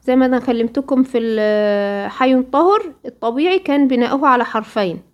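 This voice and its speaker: High-voiced Egyptian woman teaching recitation. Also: lo-fi sound. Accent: Egyptian Arabic. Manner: asks students questions and answers herself; chants recitation examples slowly. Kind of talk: interactive lesson with students.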